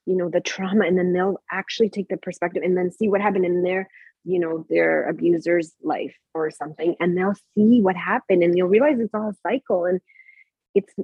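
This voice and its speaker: Breathy woman sharing a personal story. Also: lowish voice, dry recording, narrow, tinny audio. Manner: animated, acts out remembered dialogue in raised voice. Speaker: podcast guest.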